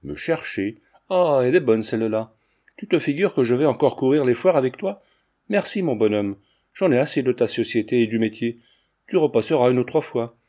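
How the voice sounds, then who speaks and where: A man's voice: medium pitch, lively intonation, normal speed, mellow, lightly acted. A man voicing a scornful, defiant fairground woman in an audiobook, speaking in a taunting, mocking way.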